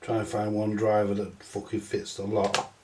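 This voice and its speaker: This middle-aged man, host of a repair channel, has a stuffy cold as he talks slowly and ramblingly through a repair, cursing casually and mocking himself in a small cluttered electronics workshop indoors. He speaks in a lowish monotone. The mic is far away, so the room echoes.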